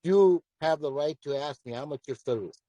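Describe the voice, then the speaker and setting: Answering questions in a live audio session, a project founder speaks with a commanding, mellow, dark voice pitched fairly high, at a normal pace. He is blunt and repeats his points for emphasis. The audio is dull and dry, with no room echo.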